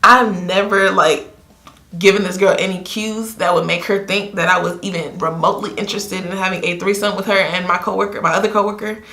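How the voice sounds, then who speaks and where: A young woman, telling a casual story time in a chatty, animated way full of fillers. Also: mid-range voice, brisk. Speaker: vlogger. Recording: roomy echo.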